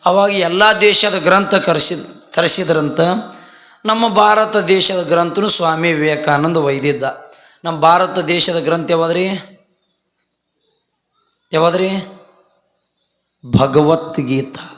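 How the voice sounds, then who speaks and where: A man preaching a folksy sermon, telling a story and acting out its dialogue, often rising into loud emphatic peaks. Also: fairly high pitch, slow, pauses often. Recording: echoey hall with faint music.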